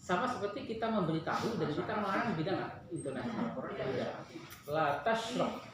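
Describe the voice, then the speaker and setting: Guru pria bersuara agak tinggi di ruang kelas bergema. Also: male voice, sits high, expressive, fast talker. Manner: patient, laughs often, repeats key terms. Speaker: Arabic teacher. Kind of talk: classroom grammar lesson. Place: classroom. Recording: very echoey room with noise.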